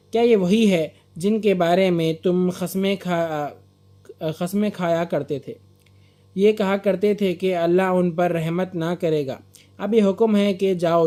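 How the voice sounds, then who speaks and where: A man reading a scripture translation aloud at a quick pace, stopping to restart and to explain verses in his own words. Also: high-pitched, mellow. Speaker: Quran translation reader.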